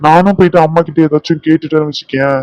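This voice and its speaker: A man voicing a tender, remorseful young husband in a cartoon drama, talking slowly and pleadingly. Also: on the high side, steady tone, no echo, natural voice, poor audio. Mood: weary. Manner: soft, pleading, slow and emotional.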